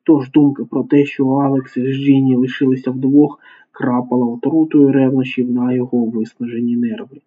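A man reading a crime novel aloud as audiobook narration, steady and dramatic. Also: mid-range voice, normal speed, slightly rough. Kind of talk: scripted narration. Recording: tinny phone-like sound.

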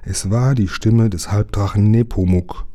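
A man reading a children's book aloud in a calm, even storytelling manner. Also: lowish voice, unhurried. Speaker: reader.

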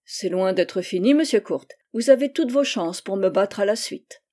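A woman's voice: medium pitch, lively intonation, normal speed, warm tone, close to an everyday voice. A woman reading the part of a modest, polite young working man in an audiobook.

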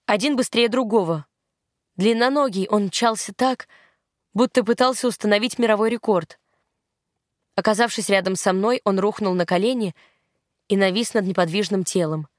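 A woman narrating a first-person novel in a calm, wry manner. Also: medium pitch, moderate pace, long pauses, no room sound, studio quality. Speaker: audiobook narrator.

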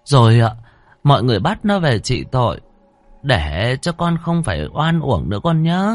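A man's voice: medium pitch, wildly swooping pitch, normal speed, dry recording, faint music behind, pitched above the performer's own voice. A man doing a honeyed, coaxing village matron. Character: sweet-talking wealthy village matron, coaxing.

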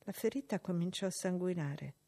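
Woman reading a novel aloud. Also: lowish voice. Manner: measured, expressive reading. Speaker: audiobook reader. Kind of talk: literary audiobook narration.

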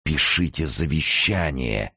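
A male reader voicing a bitter young man, a refugee and medic, who drawls his words in a slow hiss. His voice is very deep and gravelly, recorded dry and close in this storybook reading. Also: very animated, a little mellow, dry recording, full character voice. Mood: menacing. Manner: hissing, deliberate.

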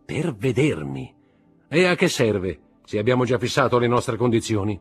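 A man reading aloud, voicing a cocky, impatient young man who talks in quick, offhand bursts. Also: mid-range voice, lively intonation, breathy edge, soft background music, voice pushed up.

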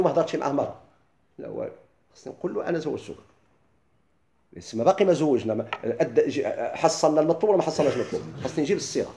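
A middle-aged man with a Moroccan accent, teaching a classroom lesson. He keeps asking his listeners quick questions and then answers them himself. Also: a little high, dark tone, roomy sound, a little hiss or hum. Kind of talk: classroom lesson explaining legal theory.

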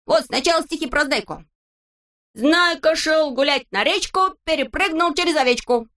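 A woman voices a boastful, carefree little boy in a children's storybook, using a high, childish voice that stays cheerful and unbothered. She speaks at a normal speed with a slightly bright tone.

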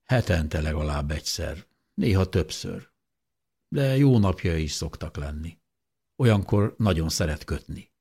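Man voicing a gentle, teasing old gentleman. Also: rumbling low, animated, slightly rough, heavily acted.

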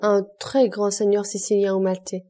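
A woman's voice: mid-range voice, flat delivery, normal speed, mellow, natural voice. A woman reading the lines of a smug, obliging Italian innkeeper in a storybook. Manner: self-satisfied, obliging. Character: Italian male innkeeper, smug and eager to please.

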